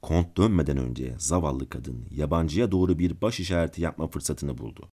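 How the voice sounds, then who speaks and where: Very deep-voiced male story narrator. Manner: calm, measured reading. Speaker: audiobook narrator and channel host.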